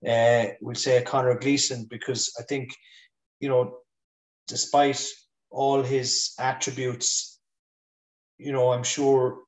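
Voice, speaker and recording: A man with a west of Ireland accent talking sport casually as a pundit, halting and thinking aloud. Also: medium pitch, level tone. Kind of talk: casual Gaelic football discussion. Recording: roomy echo, distant from mic.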